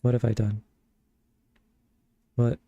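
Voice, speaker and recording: Into a close mic, a man rambles through casual live-stream chat as he browses games, thinking aloud. His medium-pitched voice is flat, slow, creaky, and mellow, and the lo-fi recording has no echo.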